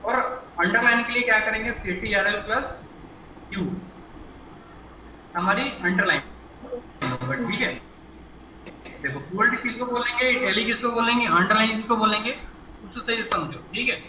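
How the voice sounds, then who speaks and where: A man's voice: high-pitched, moderate pace, pauses often, bright, forceful tone, slight background noise. Echoey male computer teacher. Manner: explains step by step, asks students questions, repeats "ठीक है". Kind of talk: online class teaching. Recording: echoey room mic from a distance.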